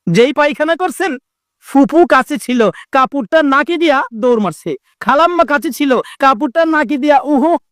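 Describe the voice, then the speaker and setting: A man with a preaching a sermon in a lively sing-song, acting out voices in his stories. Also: very high-pitched, normal speed, dry recording, studio quality. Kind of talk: Bangla waz sermon.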